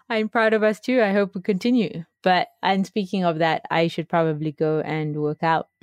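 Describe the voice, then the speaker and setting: Young South African woman, casual podcast co-host, lower-pitched, dry close mic. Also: steady tone, moderate pace, dry recording. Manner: chatty, laughs often, many fillers.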